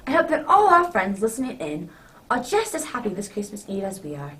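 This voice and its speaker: A woman's voice: medium pitch, wildly swooping pitch, brisk, a bit bright, recorded from a distance. A woman playing a genial, contented old male doctor telling stories by the fireside in a radio drama. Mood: warm, festive.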